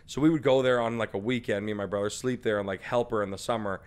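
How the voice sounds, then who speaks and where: A male comedian telling stories in a casual podcast chat, profane and rambling with many fillers, slipping into animated impressions. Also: lowish voice, quick pace, clean tone. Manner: slips into animated impressions and laughs mid-story. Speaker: comedian guest.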